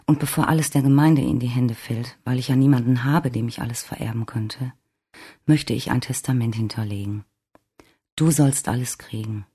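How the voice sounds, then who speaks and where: A reader voicing a gravely ill older man who speaks tiredly and quietly in an audiobook. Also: medium pitch, moderate pace, close to an everyday voice. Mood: weary, tender.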